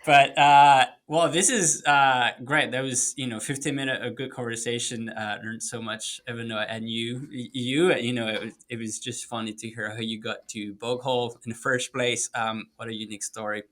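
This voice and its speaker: Male podcast host, casual, encouraging, quick to laugh. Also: medium pitch, little pitch movement, bright, forceful tone. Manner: chatty, encouraging, laughs easily. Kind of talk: casual interview chat.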